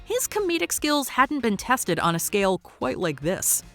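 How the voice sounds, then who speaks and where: A woman's voice: fairly high pitch, sing-song, moderate pace, fairly bright tone, soft background music. A woman delivering upbeat scripted commentary as the narrator of a countdown video.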